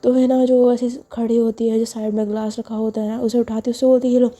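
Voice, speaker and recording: Woman storyteller, casual narration, fairly high, very dark mellow tone. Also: little pitch movement, quick pace. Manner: chatty, repetitive narration with fillers.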